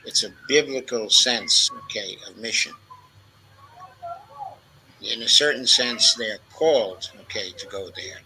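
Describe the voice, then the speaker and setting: A man's voice: mid-range voice, measured pace, pauses often, sharp tone, slight background noise, low-quality recording. A man joining a casual political discussion over a video call, emphatic, dropping in "okay" asides. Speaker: guest.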